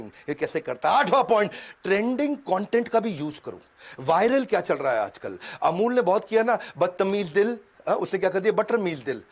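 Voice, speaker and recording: High-voiced emphatic man. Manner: energetic, emphatic, swings between loud bursts and quiet drops. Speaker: motivational speaker. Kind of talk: animated motivational talk.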